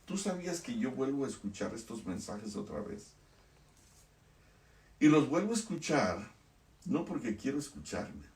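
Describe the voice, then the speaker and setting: A middle-aged man preaching a sermon in a low, earnest voice. He repeats words to drive them home and reads passages aloud. His voice sounds echoey and set back from the microphone. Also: darkish tone. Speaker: pastor. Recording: echoey room, voice a bit far from mic.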